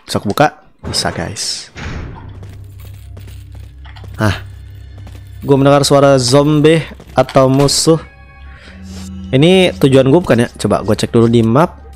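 A young man with an Indonesian accent giving casual gameplay commentary into a headset, chatty and often repeating words in quick strings. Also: medium pitch, lively intonation, a little mellow. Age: young adult. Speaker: gaming streamer. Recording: game music behind the voice. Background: video game music.

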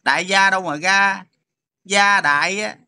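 A man's voice: sits high, unhurried, smooth. A man with a Southern Vietnamese accent telling a story in casual chat, repeating words as he stumbles along. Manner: stammering repetitions, animated storyteller.

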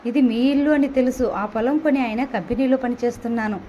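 A friendly young village man from an audio novel who asks easy, joking questions, as a woman reader puts him on. The voice sits a touch high for a man and is read plainly, close to the reader's own voice. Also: brisk, mellow, lo-fi sound, a little hiss or hum, natural voice.

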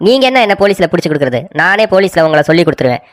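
Woman voicing a cocky low-voiced male thief. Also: sing-song, rapid-fire, noisy background. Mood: smug. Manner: mocking, bullying, cocky. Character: sly scheming male village thief. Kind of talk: cartoon voice acting.

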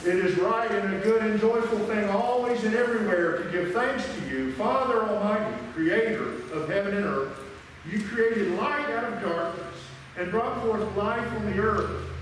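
Solemn and measured, a high-voiced older man declaims to his congregation while leading prayer and liturgy for Christmas Eve communion. The setting is a large indoor church sanctuary with cavernous, cathedral-style reverb. Faint noise accompanies the distant microphone pickup.

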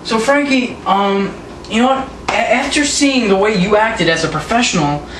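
A man's voice: high-pitched, normal speed. An eighteen-year-old man, a backyard wrestler, cutting a sarcastic, taunting wrestling promo. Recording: roomy, distant, noisy home recording.

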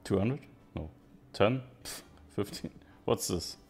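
A man in his thirties giving casual, profane live-stream commentary as a casino game streamer, with excitable outbursts. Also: fairly low pitch, slow. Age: 30s.

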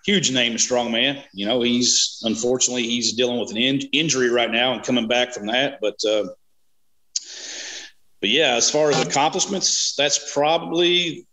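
A man in his thirties from Kentucky, speaking as a guest on a video-call interview in a relaxed way, full of "you know" and "uh". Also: medium pitch, normal speed, rough recording. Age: 30s. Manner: easygoing, many fillers like "you know" and "uh". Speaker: interview guest, strongman competitor. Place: small home room. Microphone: webcam on video call.

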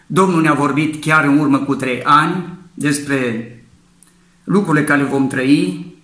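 A man, a bereaved father, giving a measured, deliberate testimony in church. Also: a little high, a bit bright. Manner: measured, deliberate, halting speech. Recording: roomy echo.

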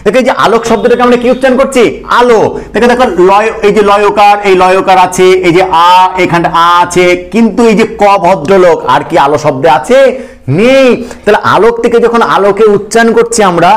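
A man's voice: sits high, fast talker. A man teaching a grammar lesson. He asks questions and answers them himself, calls the viewers friends and repeats the key points.

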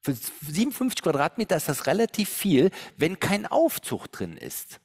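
Animated man storytelling in a property seminar. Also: on the high side, moderate pace, husky. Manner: animated storytelling, thinking aloud with hums. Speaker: real estate investment coach. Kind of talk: seminar talk with slides.

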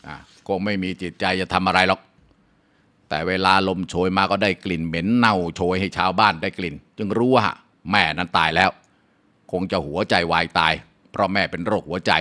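A man narrating a folk tale in a steady, measured way, with drawn-out filler sounds between phrases. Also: low voice. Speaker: storyteller.

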